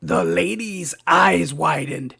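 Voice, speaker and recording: A scruffy male cartoon bat comedian, played by a man tells one silly joke after another. His voice is gravelly and husky and sits a little high. He hits each punchline and switches voices for the people in his jokes. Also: pushed and bright, heavily acted. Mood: cheeky. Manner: punchy joke delivery, quick switches between characters' voices. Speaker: late-night comedy host. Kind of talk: cartoon stand-up joke telling.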